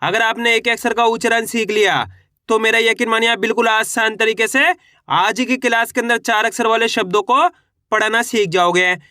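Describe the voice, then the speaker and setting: A man's voice: very high voice, steady tone, moderate pace, pushed and bright, no echo, clean studio sound. A man teaching beginners to read, sounding out each syllable and repeating words in an encouraging way. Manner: encouraging, addresses viewers as friends. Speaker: Hindi reading teacher. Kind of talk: online reading lesson.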